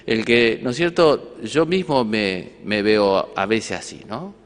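A man's voice: lowish voice, takes it slowly, big-room sound. A male priest with an Argentine accent giving a conversational sermon, often asking rhetorical questions. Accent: Argentine Spanish. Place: church.

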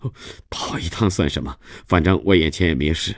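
A man plays a naive young musician, trusting and eager, who keeps pressing for an answer. The voice is deep but lifted slightly with hopeful urgency. It sounds like a dry, close radio-storybook recording. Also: brisk, dry recording, close to an everyday voice. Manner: eager and pleading.

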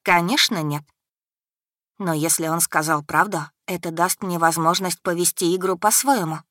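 A woman narrating a first-person audiobook with a measured, expressive reading. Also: fairly low pitch, no room sound, studio quality.

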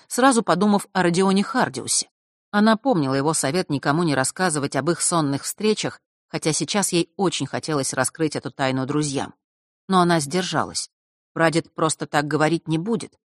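A woman narrating a fantasy audiobook in a steady, measured storytelling manner. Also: deep voice, dry recording, clean studio sound. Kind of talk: scripted narration.

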